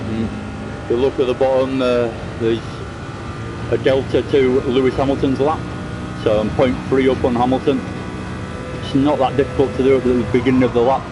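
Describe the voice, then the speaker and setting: A man talks through his sim racing laps on a home stream, a bit out of breath as he explains his gear choices. He sounds chatty and self-deprecating. A clear hiss runs under the voice. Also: medium pitch, flat delivery, normal speed. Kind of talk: casual live commentary over gameplay.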